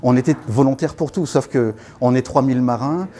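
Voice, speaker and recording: This is a personal storytelling talk by a guest speaker in his fifties at a networking evening: a Congo-born man of French parents, raised in Africa. His voice is mid-range and dark-toned, a little fast, and his casual, anecdotal telling is marked by many fillers and restarts. A far camera captured it in a small meeting room.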